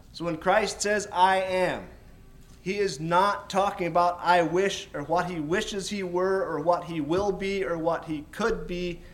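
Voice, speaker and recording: Preacher, male, fairly high voice; teaching sermon, slow and emphatic, repeats key words. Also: slight background noise. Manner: explains slowly with emphatic repetition.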